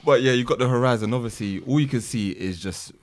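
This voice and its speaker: A man's voice: mid-range voice, fast. A young man with an urban London accent, reflective and slangy as he talks things through in casual group chat. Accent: London, urban slang speech.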